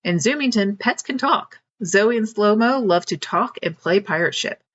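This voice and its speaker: A woman reading her own children's book aloud in a steady, clear voice. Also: medium pitch, normal speed, dull audio. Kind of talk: storybook read-aloud narration.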